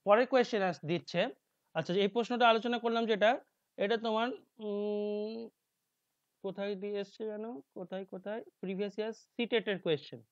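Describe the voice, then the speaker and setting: A male teacher with a Bengali accent talks through exam questions in a lecture. He reads English phrases slowly and drops into quiet asides. The recording is dry and a little dull. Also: steady tone, smooth, dry recording. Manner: explains slowly, reads English options aloud slowly, drops to low mutters.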